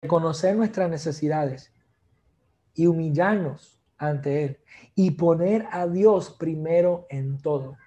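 A man preaching a sermon in earnest, lowering his voice to speak prayers and now and then dropping in English phrases. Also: slow, dark tone. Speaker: pastor. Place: church service.

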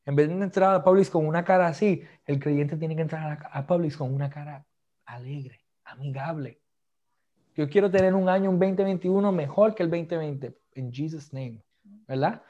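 A man in his thirties preaches to his congregation in a church hall, mixing Spanish and English and joking with the people in front of him. His voice sits a little high for a man. The recording is dull and lo-fi. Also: moderate pace, mellow. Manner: switches between Spanish and English, jokes with the congregation. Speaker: pastor. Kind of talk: bilingual sermon.

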